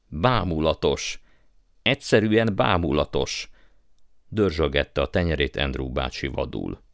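A man voicing a greedy, pompous elderly uncle who gets excitable and boastful. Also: extremely low pitch, dry recording, clean studio sound.

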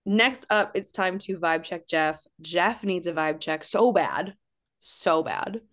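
A woman co-hosting a casual podcast, animated and laughing, often mock-outraged. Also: lowish voice, slow pace. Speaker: podcast co-host.

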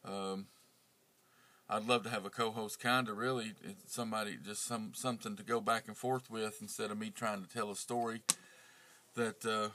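A true crime podcast host delivers a casual outro, rambling with plenty of fillers and restarts. His voice is lowish and bright with a forceful tone, little pitch movement and a moderate pace.

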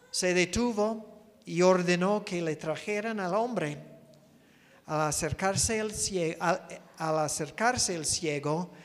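A male missionary preaching a sermon, telling the story slowly with dramatic pauses. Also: sits high, big-room sound. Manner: slow, pausing, dramatic storytelling.

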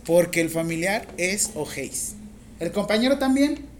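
A woman with a Mexican accent teaching a classroom of nursing students, lively and teasing, asking them questions directly. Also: on the low side, moderate pace, slight background noise. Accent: Mexican Spanish. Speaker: nursing instructor. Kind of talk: classroom lecture.

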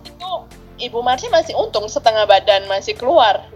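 A woman in her thirties telling a childhood story as a podcast co-host, animated and laughing often. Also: on the high side, a little fast, faint music behind. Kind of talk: casual storytelling chat.

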